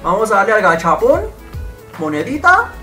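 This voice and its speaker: An excitable man narrates his own gameplay, yelling and cursing whenever things go wrong. His voice swings up and down a lot as he reacts. He talks to his viewers like a channel host. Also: sits high, moderate pace, soft background music. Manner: excitable, shouts and swears at the game. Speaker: gaming YouTuber. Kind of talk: gameplay commentary.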